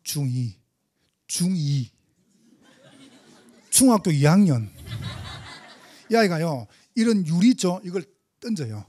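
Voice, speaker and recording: Lively Gyeongsang-accented male pastor. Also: a little high, a little hiss or hum. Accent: Gyeongsang Korean. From Gyeongsang Province, Korea. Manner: animated, humorous preaching with rising exhortations; fast talker. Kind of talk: testimony sermon.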